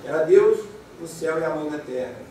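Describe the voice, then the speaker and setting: A man's voice: fairly high pitch, lively intonation, normal speed, dark tone, slight background noise. A Brazilian man gives a conversational spiritist lecture and often checks in with his listeners with a rhetorical "né?". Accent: Brazilian Portuguese. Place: spiritist center lecture hall. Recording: echoey hall mic heard from a distance.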